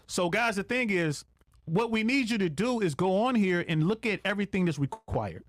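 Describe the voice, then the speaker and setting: An animated, high-pitched middle-aged man talks at normal speed as a guest on a podcast. Retired from air traffic control, he chats casually and emphatically, leaning on slang and repeated phrases.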